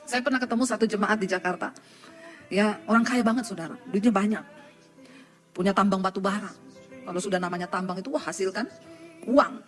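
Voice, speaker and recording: A woman's voice: mid-range voice, fairly quick, pauses often, soft background music. A woman pastor giving a sermon before a live congregation, telling a personal story, joking, laughing and often speaking straight to her listeners.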